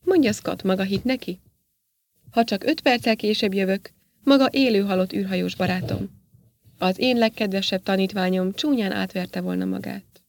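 A woman's voice: mid-range voice, vocal fry, natural voice. A woman voicing a smug, scheming male professor who lectures in a self-satisfied way, read in an audiobook. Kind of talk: audiobook character reading.

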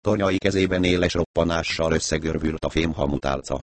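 A man narrating an audiobook in a steady, even storytelling manner. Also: a bass voice, no room sound. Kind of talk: audiobook reading.

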